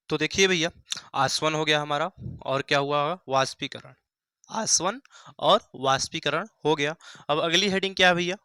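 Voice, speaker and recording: A man's voice: on the high side, bright, forceful tone, clean tone, no room sound. A young man teaching a Hindi science lesson at a board, who asks the class questions and answers them himself, repeating key phrases. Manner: repeats key phrases, calls students "bhaiya" and "mere bhai".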